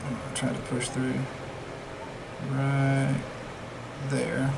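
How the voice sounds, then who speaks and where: In a flat, medium-pitched voice, a man takes it slowly as he hosts a DIY repair vlog indoors at a work table, thinking aloud in casual, folksy hands-on commentary. Music plays in the background of this low-quality home recording, where background noise is clear.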